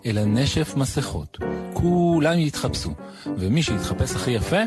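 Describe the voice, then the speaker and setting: Man reading a story with lively pitch. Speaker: radio host. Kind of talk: reading a children's story aloud. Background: music.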